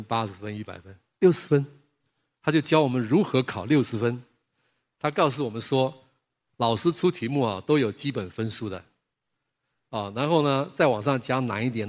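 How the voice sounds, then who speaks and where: Animated preacher. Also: male voice, medium pitch. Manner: lively storyteller who acts out dialogues and chuckles. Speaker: pastor. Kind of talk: sermon with personal stories.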